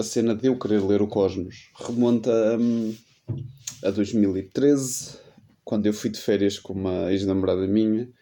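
A man's voice: on the low side, mellow. A man in his late twenties with a European Portuguese accent, hosting a solo podcast in a rambling, slangy, self-deprecating storytelling manner while getting over a cold. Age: 20s. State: sick with a cold. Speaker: podcast host. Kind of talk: casual solo podcast chat.

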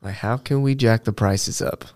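A man's voice: fairly low pitch, normal speed, darkish tone. A man co-hosting a podcast, teasing and easygoing in casual chat. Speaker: podcast co-host.

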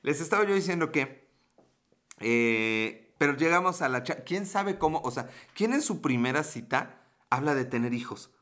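A man's voice: a little high, expressive, normal speed, a bit bright. Joking Mexican man in his thirties. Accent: Mexican Spanish. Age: 30s. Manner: joking, playful, chatty storytelling. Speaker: livestream host. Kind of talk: casual livestream chat reading comments.

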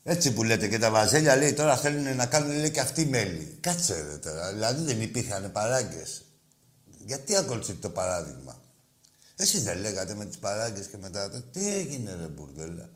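A man hosting a sports call-in radio show, mocking and insulting his callers, swinging between loud outbursts and muttered asides. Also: fairly low pitch, sing-song. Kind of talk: rowdy call-in radio banter.

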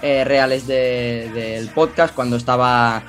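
A man's voice: medium pitch, fairly even intonation, slow pace, a bit bright, soft background music. A man hosting a casual podcast over a video call, greeting his co-hosts and teasing them. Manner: jokey, teasing. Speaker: podcast host.

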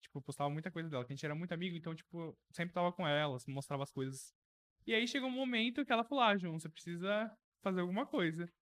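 A man's voice: fairly high pitch, lively intonation, racing, fairly bright tone. An eighteen-year-old man with a Brazilian Portuguese accent, answering casually and plainly as a podcast guest. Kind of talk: casual interview chat.

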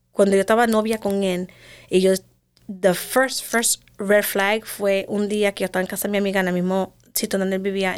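Woman guest, personal testimony, earnest, halting, restarts, mixes in English words. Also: mid-range voice, clear, resonant tone. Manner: drops English words into her speech. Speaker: guest sharing her story.

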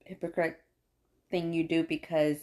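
A woman co-hosting a casual podcast chat with her partner, talking in an animated way and laughing between remarks. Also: deep voice, a little slow. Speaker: podcast co-host.

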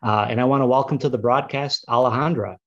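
A man's voice: medium pitch, dull audio. A man hosting an interview show, introducing his guest and asking her questions with occasional fillers. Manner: friendly, measured interviewer with fillers. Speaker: podcast host.

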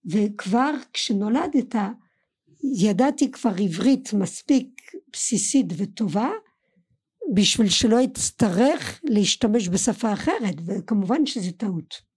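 Mellow-voiced middle-aged woman, native French speaker. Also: medium pitch, expressive, slightly rough. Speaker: guest, mother of the host. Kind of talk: casual family recollection.

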